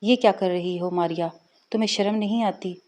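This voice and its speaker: Indignant young wife, sharp scolding, audio story, read by a woman. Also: medium pitch, steady tone, lightly acted. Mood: angry scolding.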